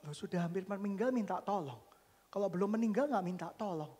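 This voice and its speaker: A male pastor preaching with a personal story, dramatic and jokey, jumping from loud shouts to near whispers. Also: high voice, fairly quick, breathy edge. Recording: long reverb of a church hall.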